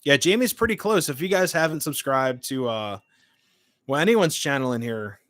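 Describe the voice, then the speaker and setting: A man's voice: mid-range voice, lively intonation, normal speed, fairly bright tone, no room sound. Casual young male livestreamer, dry close sound. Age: late 20s. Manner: chatty, informal, hops between short remarks. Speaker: livestream host. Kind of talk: casual livestream chat, reading and answering comments.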